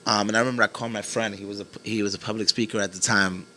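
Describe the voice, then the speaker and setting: A young man sits at a desk mic in a graffiti-walled studio and talks in an earnest, reflective way. His voice is a little low but very bright and crisp. His sentences often drift off into soft murmurs. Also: steady tone, racing, a little hiss or hum. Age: 20s. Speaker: podcast guest, entrepreneur. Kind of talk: casual chat.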